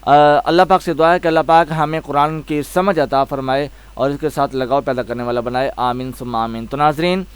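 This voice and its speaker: A man teaching a tajweed lesson, slowly sounding out letters one by one and explaining each with patient repetition. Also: medium pitch, fairly even intonation, smooth, no echo. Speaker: Quran recitation teacher.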